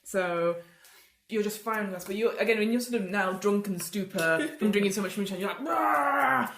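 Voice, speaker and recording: A woman's voice: mid-range voice, fairly quick. A woman running a tabletop role-playing game as game master, narrating with laughter and energy. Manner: animated, laughing storyteller. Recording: roomy echo, faint noise.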